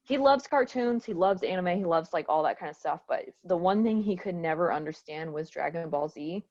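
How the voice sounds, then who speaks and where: A woman's voice: lowish voice, expressive, fairly quick, darkish tone. Woman, hesitant casual talk, muffled sound. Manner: loose and hesitant, many fillers and swears. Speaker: podcast guest. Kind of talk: casual chat.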